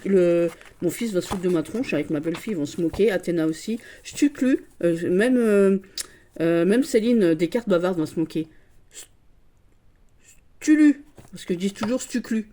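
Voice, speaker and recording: A middle-aged woman chatting casually as she shows off her collection, warm and mellow in tone. She gushes freely and keeps dropping small fillers between her words, never in a hurry and never formal. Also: on the low side. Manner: gushing, chatty, full of "voilà" and "hein". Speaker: card-deck collector vlogger. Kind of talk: casual show-and-tell chat.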